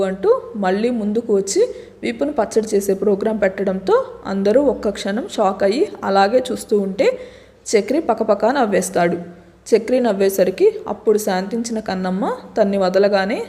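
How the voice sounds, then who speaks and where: A woman storyteller narrating a serialized love story in a lively, expressive way. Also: medium pitch, normal speed, long reverb tail.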